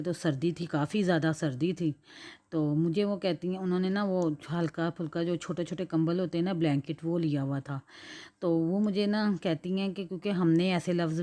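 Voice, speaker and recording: In this relaxed vlog narration, a cooking vlogger from Pakistan talks about her day, her Punjabi accent coming through a low, gentle voice. She's in her forties and has the flu, which leaves her hoarse and clearing her throat at times. Her talk wanders freely between subjects.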